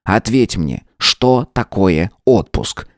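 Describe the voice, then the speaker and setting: A man voicing a furious shouting boss. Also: fairly low pitch, big pitch swings, takes it slowly, no room sound, clean studio sound, exaggerated voice. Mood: angry commanding. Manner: shouting, scolding, commanding. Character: hot-tempered male boss, commanding and scolding. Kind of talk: audiobook character voice.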